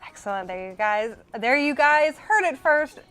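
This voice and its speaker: Woman, podcast co-host, enthusiastic, casual interview, high pitch. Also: expressive, moderate pace, fairly bright tone, smooth, soft background music. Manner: upbeat, enthusiastic.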